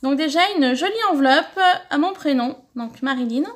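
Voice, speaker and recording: High-voiced chatty French-speaking woman vlogger. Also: moderate pace. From France. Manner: chatty, thankful, stumbles over words. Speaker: scrapbooking channel host. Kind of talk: casual mail-opening vlog.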